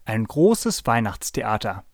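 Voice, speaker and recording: A man reading as a brisk, bossy girl. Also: lowish voice, sing-song, vocal fry, no room sound, clean studio sound, heavily acted. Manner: brisk and decisive. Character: bossy, enterprising young girl. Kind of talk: storybook reading.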